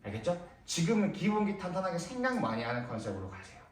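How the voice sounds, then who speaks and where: A man's voice: sits high, very animated, fast talker, slight background noise. A young male English teacher lecturing a class, firing questions at students and repeating words as a drill, heard from a distance in a classroom. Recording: echoey room, voice from a distance.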